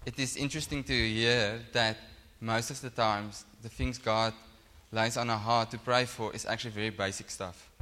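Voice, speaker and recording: A man's voice: fairly low pitch, steady tone, moderate pace, few pauses, sharp tone. Namibian-accented male pastor in an echoey hall. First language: Afrikaans. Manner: self-deprecating, plain-spoken, conversational. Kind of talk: informal sermon. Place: large indoor church hall. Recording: echoey hall with long reverb.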